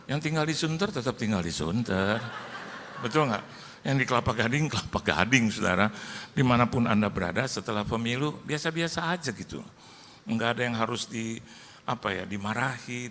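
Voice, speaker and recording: A male pastor preaching, lively, telling comic stories and acting out dialogue in changing voices. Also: mid-range voice, a little hiss or hum. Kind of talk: sermon with comic storytelling. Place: large church hall. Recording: church hall reverb, faint ambience.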